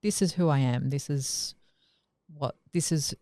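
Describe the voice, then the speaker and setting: A woman's voice: deep voice, unhurried, warm tone, no room sound, studio quality. A woman chatting on a podcast, thinking aloud in a reflective way and often restarting her sentences. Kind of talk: casual podcast conversation.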